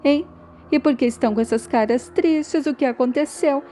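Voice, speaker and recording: A woman's voice: high voice, moderate pace, warm tone, a little hiss or hum, pitched above the performer's own voice, lightly acted. A woman voicing a distraught middle-aged mother in a soap recap, bitter and demanding. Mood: accusing. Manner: bitter, demanding, repeated challenges.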